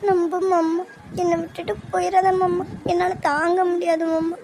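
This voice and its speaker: A woman voicing a heartbroken young woman in a cartoon drama, who pleads and speaks with deep emotion. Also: little pitch movement, normal speed, a little mellow, a little hiss or hum. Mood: pleading, tearful.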